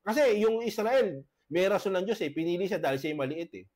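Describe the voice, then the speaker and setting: A high-pitched man, a pastor, lays out his case in an online debate in a halting way, tagging his points with questions. He has a cough and keeps clearing his throat, heard through a video-call mic. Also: expressive, darkish tone. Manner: halting, many tag questions. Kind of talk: debate presentation.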